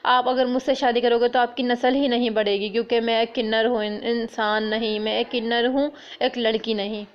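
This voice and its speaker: A woman's voice: a little high, flat delivery, few pauses, lo-fi sound, natural voice. A woman voicing a proud transgender beggar who pleads and protests in a storybook reading. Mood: tearful.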